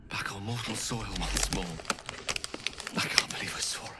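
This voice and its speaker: A man's voice: on the low side, normal speed, very noisy, lightly acted. A man playing an eloquent, earnest wizard in a video game, speaking in formal, theatrical phrases. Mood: drained, awed. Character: eloquent, earnest male wizard, self-reproachful yet hopeful. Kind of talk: scripted video game dialogue.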